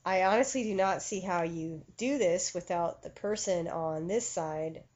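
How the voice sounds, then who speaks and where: A woman's voice: on the low side, unhurried, a little mellow. A woman medium talking through a channeling session, chatty and self-conscious, full of fillers and restarts. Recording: dull lo-fi recording.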